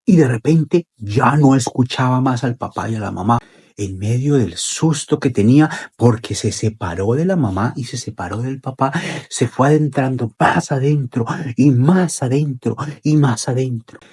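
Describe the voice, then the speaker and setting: A man telling a children's story in an expressive, repetitive way with dramatic pauses. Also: mid-range voice, husky.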